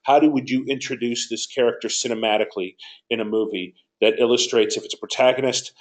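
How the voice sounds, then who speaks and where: A man's voice: mid-range voice, fairly even intonation, quick pace. Man, course director, mid-range voice, conversational teaching Q&A, repeats key points. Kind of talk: live Q&A teaching session.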